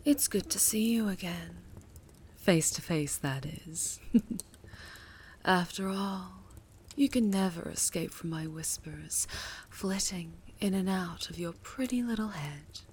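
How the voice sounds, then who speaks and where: A woman's voice: fairly low pitch, darkish tone, slight background noise. A woman voicing a seductive otherworldly warlock patron in an audio roleplay, teasing and whispery. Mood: sultry teasing. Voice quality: breathy, whispery. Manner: teasing, purring, slow.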